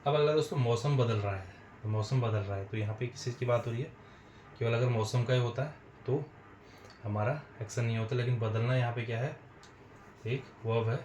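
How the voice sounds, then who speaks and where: A man teaching a spoken English lesson, explaining patiently and repeating phrases slowly for his viewers. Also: mid-range voice, a little mellow, reverberant, a little hiss or hum. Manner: slow, repetitive explaining, addresses viewers as friends.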